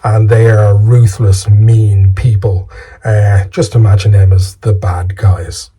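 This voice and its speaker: An Irish man with a dark, relaxed voice and a husky edge. He tells stories casually, as if chatting to his viewers, in an informal storyteller's style. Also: on the low side, takes it slowly. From Ireland. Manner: casual, conversational, lightly sweary. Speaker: storyteller and video host.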